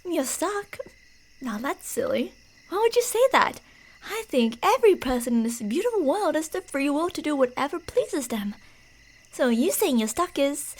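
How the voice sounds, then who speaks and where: A woman with a high voice, recorded with poor audio, acts out an ASMR roleplay as a delusional, creepy stalker pretending to be a park ranger. She moves between whispers and soft talk, teasing and sweet in a false way.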